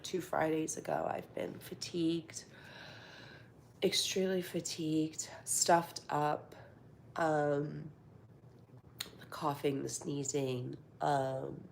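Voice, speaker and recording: This livestream host has a stuffed-up, nasal voice from a cold as she talks casually to her viewers from home. Her low-sitting voice carries vocal fry, stays soft, slips into half-whispers, and is full of fillers, with a little hiss or hum in the background.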